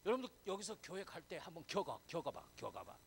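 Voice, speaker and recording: A male pastor giving a chatty, conversational sermon, quizzing and teasing his congregation, dropping to a whisper and then swelling loud for emphasis. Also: fairly high pitch, big pitch swings, fast talker, gravelly, slight background noise, poor audio.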